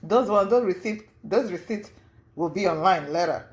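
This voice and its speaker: A woman telling her story in a casual interview, rambling with many fillers and acting out what others said in a high voice. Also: expressive, normal speed. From lives in the US. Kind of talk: casual storytelling recounting events.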